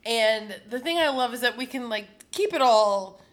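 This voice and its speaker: A woman in her thirties co-hosting a podcast in casual chat, excitable and playful, swearing freely. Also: on the high side, moderate pace. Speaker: podcast co-host.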